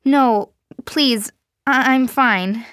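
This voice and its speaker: A woman's voice: on the high side, drawn-out words, fairly bright tone, clean tone, dry recording, studio quality, voice pushed up. A woman doing a frightened, stammering young woman. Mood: frightened pleading. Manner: pleading, stammering.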